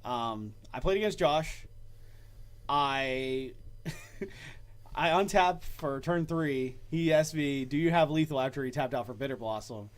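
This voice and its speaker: A man's voice: medium pitch, expressive, slow pace. Laughing man telling game stories. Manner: storytelling, laughs often. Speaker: podcast host. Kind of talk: casual chat.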